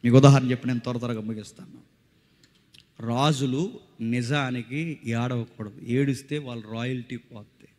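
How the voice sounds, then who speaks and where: A man preaching a sermon at a village youth meeting, swinging from loud exhortation to hushed storytelling. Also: medium pitch. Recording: long hall reverb.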